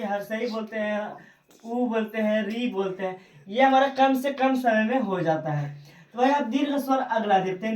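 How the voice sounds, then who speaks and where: A woman's voice: a little high, a little mellow, far from the mic. A woman teaching a grammar lesson who repeats definitions, stretches out example sounds and keeps checking that listeners follow. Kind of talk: classroom-style grammar lesson. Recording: echoey room, voice from off mic.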